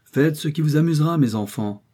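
A gentle, courtly older country squire , as a male reader puts him on, fond and fatherly with his young niece. His voice is mellow and husky. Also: a little high, lively intonation, fairly quick, pitched above the performer's own voice.

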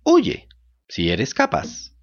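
A man's voice: huge pitch swings, drawn-out words, slightly rough, dull audio, heavily acted. A man voicing a cracked-voiced old tuna. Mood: resigned. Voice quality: cracked, booming voice. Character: old male tuna, philosophical and resigned.

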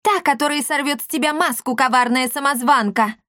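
A woman's voice: high voice, brisk, fairly bright tone, no room sound, clean studio sound, voice pushed up. A woman voicing a scrawny, fierce young sorceress girl who speaks in theatrical, accusing declarations. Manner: theatrical, accusing, self-satisfied.

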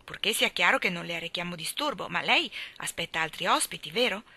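A woman reading an audiobook, voicing an imaginative young girl who speaks with eager, raised excitement. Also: fairly low pitch, brisk, no echo, heavily acted. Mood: polite.

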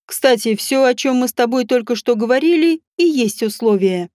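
A woman's voice: fairly high pitch, lively intonation, normal speed, darkish tone, dry recording, clean studio sound, natural voice. A woman doing a sneering naga lord. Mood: mocking. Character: menacing male naga lord, cold and mocking.

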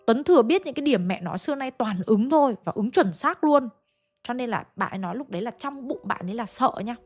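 A woman telling a ghost story in a chatty, conversational way, often speaking straight to her listeners. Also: a little high. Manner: chatty, addresses listeners directly. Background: faint background music.

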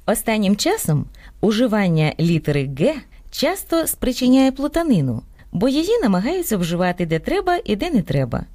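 A woman co-hosting a radio program, reading a script in a clear, measured way. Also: mid-range voice, big pitch swings, dark tone, dry recording. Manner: clear, measured explanatory delivery. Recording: dry radio studio with faint music.

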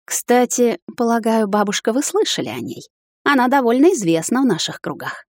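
A woman voicing a proud young witch heroine who is cool and mocking but quick to flare up. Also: a little high, big pitch swings, no echo, studio quality, pitched above the performer's own voice.

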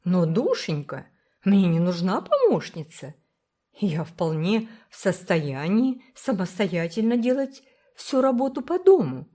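A woman voicing a brisk, kindly older village woman who speaks firmly and emphatically. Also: medium pitch, big pitch swings, warm tone. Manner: firm, emphatic, motherly.

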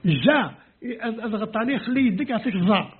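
A scholarly explanatory lecture in Arabic comes from an Algerian man with an Algerian accent whose mother tongue is Kabyle; he works through letters and words step by step. His voice sits high, quick and slightly rough, with lively intonation, over tinny phone-like lo-fi audio.

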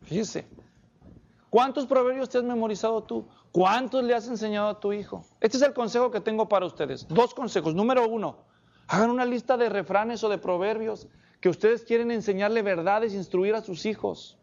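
Male preacher, high-pitched, lively sermon delivery that fires questions at the listeners; slightly muffled recording. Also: moderate pace. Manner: animated, asks the congregation many questions.

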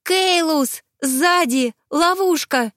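A woman voicing a defiant young noblewoman who cries out and pleads in a high, loud voice in an audiobook. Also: drawn-out words, dry recording, clean studio sound, full character voice. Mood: frantic.

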